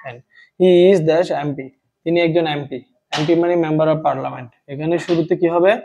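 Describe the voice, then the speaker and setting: A man teaching an English grammar lesson to a class, quizzing students and reading example sentences slowly. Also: fairly high pitch, steady tone, creaky, mellow, breathy edge. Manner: drills students with questions and answers, reads example sentences slowly.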